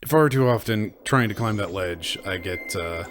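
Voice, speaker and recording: A man hosting a casual video game playthrough, commenting in a halting, wry way. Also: lowish voice. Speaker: gamer, host. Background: game music.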